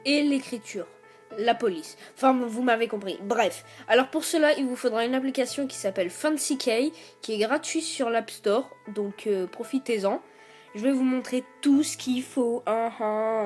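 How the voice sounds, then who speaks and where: A woman's voice: a little high, a little mellow. A woman hosting a casual tutorial, talking viewers through steps with many hesitations and filler sounds. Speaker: YouTube tutorial host. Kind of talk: casual screen-recorded tutorial.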